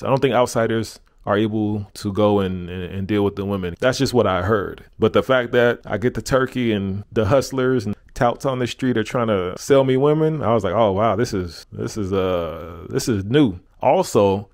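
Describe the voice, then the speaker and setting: A man's voice: mid-range voice, a little mellow. A man talking casually in a travel vlog, laid-back and chatty with playful asides. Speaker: travel vlogger.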